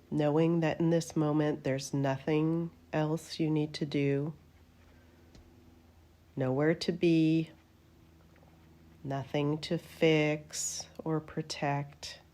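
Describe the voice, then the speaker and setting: A woman with a deep, mellow voice guides a meditation as a yoga nidra teacher. Her delivery is very slow and gentle, with calming phrases that fade away at the end. The dark, easy tone fits someone who teaches deep rest.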